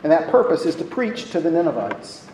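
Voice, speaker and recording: A man preaching a sermon, earnest, slowing down and dropping his voice when he reads scripture aloud. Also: on the high side, big pitch swings, echoey room, a little hiss or hum, low-quality recording. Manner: earnest preaching, slows and drops to a hush when reading scripture. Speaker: pastor.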